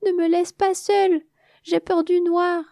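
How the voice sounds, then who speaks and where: A woman's voice: on the high side, normal speed, mellow, no room sound, studio quality, voice pushed up, natural voice. A woman voicing a timid, fearful little queen bee who stammers and frets. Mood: pleading.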